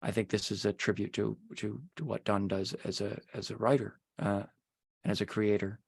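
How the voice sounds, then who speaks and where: A writer speaking a thoughtful, hesitant tribute over a video call. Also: male voice, lowish voice, flat delivery, moderate pace, creaky, slightly rough, no room sound. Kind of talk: spoken tribute.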